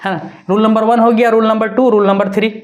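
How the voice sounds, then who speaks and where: Woman teaching grammar, higher voice. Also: flat delivery, brisk, darkish tone, lo-fi sound. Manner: spells words letter by letter, repeats with "है ना". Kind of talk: classroom-style grammar lesson.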